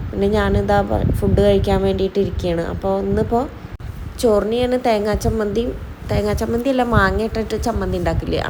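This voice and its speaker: A woman's voice: mid-range voice, noisy background. A woman, a mother, chatting casually to the camera about her day at home, homely and talkative, often correcting herself mid-sentence. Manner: chatty, homely, self-correcting as she talks. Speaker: mom vlogger. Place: home kitchen and dining area.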